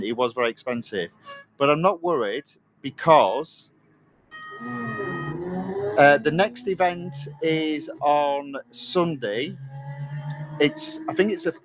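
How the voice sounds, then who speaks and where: A middle-aged man from England, chatting casually with many ums while live-streaming a racing game. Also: fairly high pitch. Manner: relaxed, chatty, many ums and uhs, reads chat aloud. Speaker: gaming streamer.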